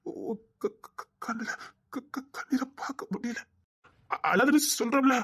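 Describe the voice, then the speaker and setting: A man with a Tirunelveli Tamil accent playing an older man on duty, a gruff yet tender lover who stammers. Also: very high-pitched, unhurried, pushed and bright, heavily acted. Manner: stammers, turns from cold to tender. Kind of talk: romantic short-drama acting.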